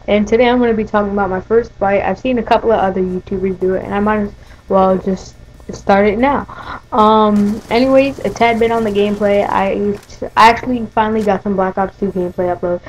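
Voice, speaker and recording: A woman's voice: medium pitch, fairly even intonation, brisk, a little mellow, a little hiss or hum, poor audio. A teenage-sounding woman telling a story casually over gameplay, rambling with many fillers and restarts. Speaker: gaming video host.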